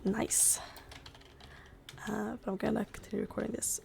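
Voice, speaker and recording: Talking over her gameplay, a young woman who makes gaming videos on YouTube rambles and drops "like" into every pause. Her mid-range voice is gravelly and darkish, with little pitch movement at normal speed, sounds strained and failing, and there's slight background noise.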